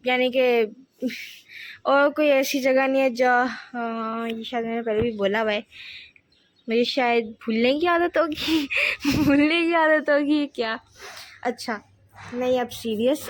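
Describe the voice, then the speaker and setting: A woman's voice: sits high, no room sound. A teenage girl telling a rambling, giggly storytime in a casual vlog. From Pakistan. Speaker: vlogger.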